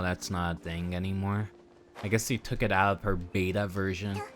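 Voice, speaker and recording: A game streamer with a lowish voice gives casual, rambling live commentary on a video game while game music plays behind him. He chats playfully with his viewers.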